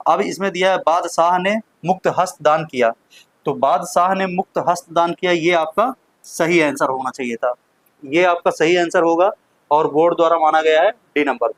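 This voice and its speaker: A man's voice: fairly high pitch, no room sound, rough recording. A young adult man, a teacher, walks through exam questions step by step and repeats the key words as he explains. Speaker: maths teacher. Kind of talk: exam question walkthrough lesson.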